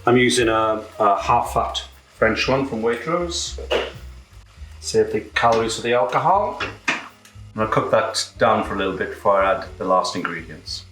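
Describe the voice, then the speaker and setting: A man's voice: on the low side, expressive, normal speed, roomy sound, music in the background, low-quality recording. A British man with a camp, cheeky manner, casually presenting a cooking demonstration as a home cook. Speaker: home cook presenting own recipe show. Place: indoor kitchen.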